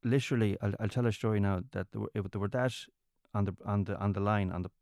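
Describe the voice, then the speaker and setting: His fairly low voice is steady, gravelly and a little mellow, yet clear and resonant, recorded in a studio with no echo. He is a County Mayo entertainer with a west of Ireland accent, telling stories as an interview guest in a halting way, repeating words and restarting phrases.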